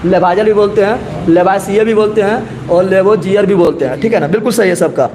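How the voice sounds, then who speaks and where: A man's voice: high-pitched, a little mellow, slight background noise. Brief: man, quiz teacher who drags out each question. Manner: drawn-out slow question reading, frequent "ठीक है ना?". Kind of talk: live group discussion quiz class.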